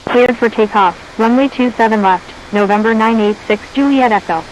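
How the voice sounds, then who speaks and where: A pilot over the radio, reading back clearances in brisk, clipped aviation phrasing. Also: medium pitch. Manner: brisk, formulaic readbacks. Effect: pilot reading back over a radio channel. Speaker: pilot on air traffic radio. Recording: dull lo-fi radio audio with faint hiss.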